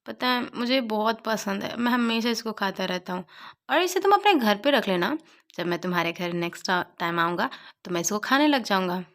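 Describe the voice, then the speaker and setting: A woman's voice: medium pitch, normal speed, fairly bright tone, close to an everyday voice. A woman voicing a bubbly, pushy young man who pleads in a whiny, childlike way. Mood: pleading.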